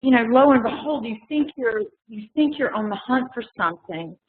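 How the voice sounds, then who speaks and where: Animated and a little high-pitched, this art collector talks at a normal speed during a relaxed webinar. She rambles, fills gaps, and keeps restarting, all while her voice is going. An echoey room and a tinny video call shape the sound.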